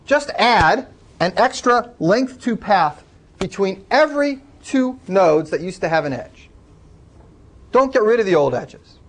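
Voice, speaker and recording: A man's voice: high-pitched, sing-song, unhurried. A man lecturing a class, explaining step by step and taking student questions.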